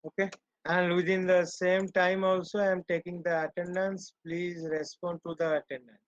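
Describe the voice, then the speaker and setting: Male online lecturer. Slow, deliberate and stern with his class, on dull lo-fi call audio. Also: sits high, level tone, no room sound. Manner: slow and deliberate, switching between Hindi and English, scolding the students. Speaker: teacher.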